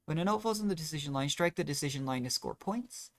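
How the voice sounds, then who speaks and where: A streamer with an animated, medium-pitched voice talks fast during a casual gameplay livestream. The commentary is self-deprecating, with game music playing behind it.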